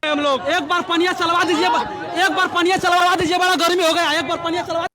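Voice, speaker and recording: A man with a Bihari Hindi accent shouts from inside a protest, his voice very high and strained. He sounds far from the mic, with a loud crowd roaring all around him. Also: fairly even intonation, fairly quick. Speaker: student protester.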